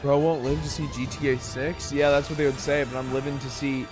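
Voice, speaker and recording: Streaming a game with music behind him, a man in his twenties bantes jokingly with chat and curses frequently. His medium-pitched voice is brisk and flat in delivery.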